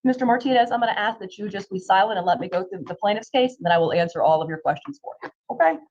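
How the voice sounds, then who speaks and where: A woman presiding as a judge at a hearing, brisk and authoritative, heard over a video conference call. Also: medium pitch, animated, darkish tone. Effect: video conference call audio. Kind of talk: formal court hearing. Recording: dull, muffled call audio.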